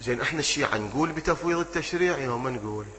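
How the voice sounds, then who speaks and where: A man with an Iraqi Arabic accent giving a religious lecture. He keeps asking rhetorical questions, answers them himself and builds up to emphatic shouts. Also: medium pitch, animated, very fast, rough recording. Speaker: preacher.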